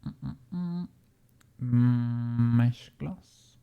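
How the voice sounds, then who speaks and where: A 3D modeling streamer chatting casually on a livestream and muttering quietly to themself while working. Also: medium pitch, drawn-out words, vocal fry, clean tone, narrow, tinny audio.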